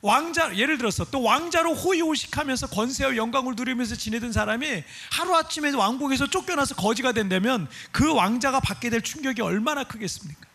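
A male pastor preaching a sermon in an animated way. He asks the congregation rhetorical questions and explains pictures shown on a screen. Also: very high voice, a little fast, hardly any pauses, husky.

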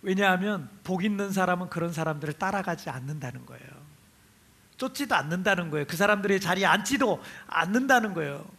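A male pastor from Chungcheong preaching a chatty, animated sermon and laughing with the congregation. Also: sits high, fast, breathy edge. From Chungcheong, Korea.

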